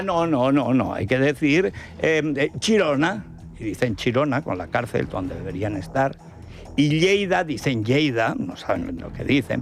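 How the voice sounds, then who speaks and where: A radio host with a Spain Spanish accent delivers a combative, scornful monologue, firing off rhetorical questions. His voice is gravelly and his pitch swings widely. Faint music plays in the background. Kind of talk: opinion monologue.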